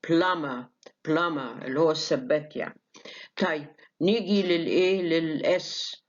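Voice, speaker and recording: A woman lecturing on phonetics with an Egyptian Arabic accent. She mixes Arabic and English and sounds out example words slowly. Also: deep voice. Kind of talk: recorded online lecture. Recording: dull lo-fi lecture recording.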